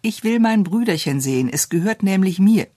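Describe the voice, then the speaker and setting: A reader voicing an excitable, stubborn little girl in a storybook tale, pleading and indignant in turn. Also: mid-range voice, unhurried, no room sound, clean studio sound.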